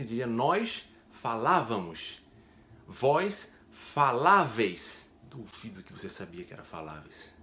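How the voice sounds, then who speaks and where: A man teaching French in a casual video lesson, explaining step by step and tagging sentences with quick questions. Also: medium pitch, a little hiss or hum. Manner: chatty, explains step by step with frequent "né?" tags.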